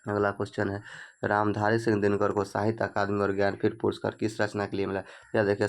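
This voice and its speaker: Flat-voiced man drilling exam answers. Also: fairly low pitch. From Bihar, India. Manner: drills answers by repeating questions. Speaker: exam coach. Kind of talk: exam prep lesson.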